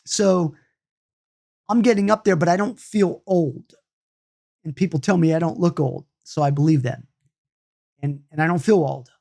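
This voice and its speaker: Speaking at a moderate pace in a mellow, creaky voice on the high side, this man in his late fifties pauses often while teaching energy healing and meditation. His lesson is casual and repetitive, full of restarts and digressions.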